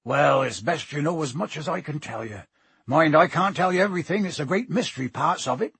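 A man voicing a gruff, warm-hearted giant in an audiobook, rough-voiced, with rustic, blustering and halting speech. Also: fairly high pitch, lively intonation, no echo, heavily acted. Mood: anxious. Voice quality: husky, rough.

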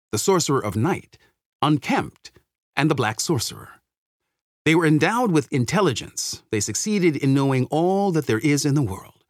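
A man narrating a science audiobook like a space documentary, with deliberate, dramatic phrasing. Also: mid-range voice, no room sound, studio quality.

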